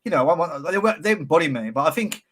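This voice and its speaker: A man's voice: fairly high pitch, lively intonation, fast talker, a bit bright. A man with a Birmingham accent hosting a podcast interview, talking bluntly in laddish banter with plenty of swearing. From Birmingham, England. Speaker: podcast host. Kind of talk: casual interview chat.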